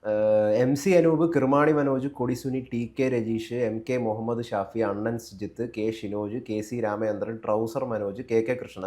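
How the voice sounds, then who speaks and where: Measured male interviewer. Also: mid-range voice, a little mellow. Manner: measured, reads out lists of names. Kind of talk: political interview.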